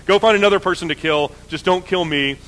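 A man's voice: high voice, fast talker, fairly bright tone. A man voicing a desperate male warrior who pleads in casual modern words. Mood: pleading.

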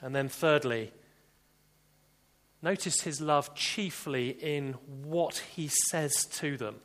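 Male preacher, sermon delivery; unhurried, earnest, slightly high voice, surges of emphasis. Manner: earnest, building to emphatic bursts then dropping soft.

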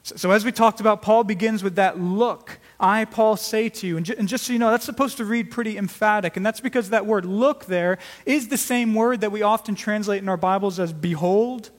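A man's voice: sits high, fairly quick, few pauses, long reverb tail. A man preaching an earnest sermon as pastor, with emphatic rises in volume on key words.

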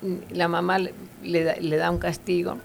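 A woman's voice: on the low side, little pitch movement, moderate pace, gravelly, a little hiss or hum. A woman giving earnest, conversational Bible teaching, with fillers and tag questions.

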